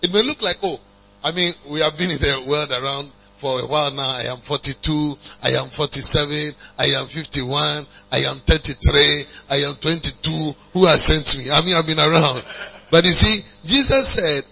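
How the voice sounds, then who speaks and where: A man preaching a sermon, calling on the congregation to respond and building to emphatic high passages. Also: vocal fry, sharp tone, breathy edge. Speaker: pastor. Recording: dull lo-fi recording with mains hum.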